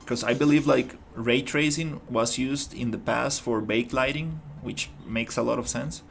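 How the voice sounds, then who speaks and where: Streaming his game development, a Costa Rican man chats casually as he works, wandering off and restarting as he thinks aloud. He speaks unhurriedly in a mid-range, gravelly voice that's a bit bright, with soft music playing behind him.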